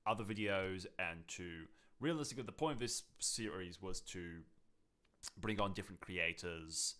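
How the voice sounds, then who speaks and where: A young man co-hosts a podcast in a casual, chatty way. His voice is low and pushed with a bright edge, and he speaks at a moderate pace.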